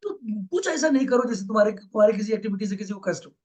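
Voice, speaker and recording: A man's voice: sits high, expressive, racing. A man with an Indian accent giving a motivational business talk, emphatic and repetitive, often dropping into English phrases. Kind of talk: motivational speech.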